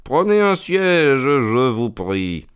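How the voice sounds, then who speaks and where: A man playing a calm, ironic detective who reasons and mocks with composure, in an audio drama reading. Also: unhurried, smooth. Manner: composed and mocking, lively rises in pitch. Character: calm, ironic male detective, sure of himself.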